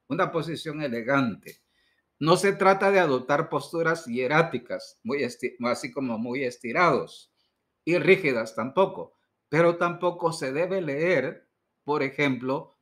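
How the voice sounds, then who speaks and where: A man giving an instructional talk on reading aloud in church, deliberate and direct, slowing down to stress key words. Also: fairly high pitch, a bit bright. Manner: direct, addresses listener with advice. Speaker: liturgy instructor.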